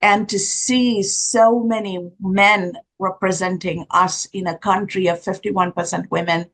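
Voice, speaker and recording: A woman from Sri Lanka, hosting an interview and making her points earnestly and deliberately. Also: mid-range voice, fairly even intonation, a bit bright. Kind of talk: interview questions.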